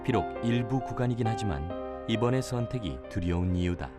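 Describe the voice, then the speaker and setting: A man giving scripted nature documentary narration in a measured, solemn storytelling manner. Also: on the low side, lively intonation. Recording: music behind the voice. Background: background music.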